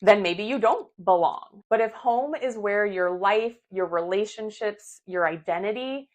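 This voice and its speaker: A young adult woman from the United States, a philosophy professor explaining clearly and asking many rhetorical questions to camera. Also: mid-range voice, measured pace. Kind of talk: scripted lecture to camera.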